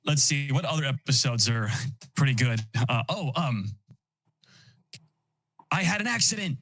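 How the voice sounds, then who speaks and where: A man's voice: medium pitch, animated, unhurried, a bit bright. A man chatting as a livestream guest, enthusiastic and often restarting his sentences. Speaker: guest, host's boyfriend. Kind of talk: casual chat.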